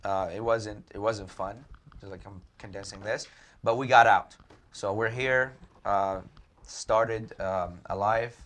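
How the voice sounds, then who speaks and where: A man's voice: lowish voice, fairly even intonation, measured pace, fairly bright tone. A man from Iraq, a guest telling his story in a candid, matter-of-fact way with joking asides. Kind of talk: casual interview storytelling. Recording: faint background noise.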